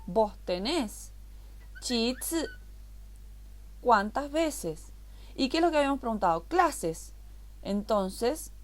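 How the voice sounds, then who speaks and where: A woman teaching a recorded online language class, explaining patiently and repeating each word step by step. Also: a little high.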